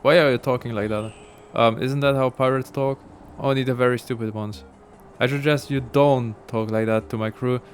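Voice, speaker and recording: A man's voice: mid-range voice, steady tone, normal speed, faint music behind, natural voice. A man reading the lines of a rude, scornful pirate from a video game. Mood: curt. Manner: sneering, insulting.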